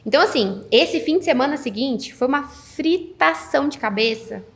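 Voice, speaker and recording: A woman in her thirties talks casually as a podcast guest. Her voice sits on the higher side. She tells her story with energy and acts out the dialogue as she goes. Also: lively intonation, normal speed, vocal fry. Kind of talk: casual chat.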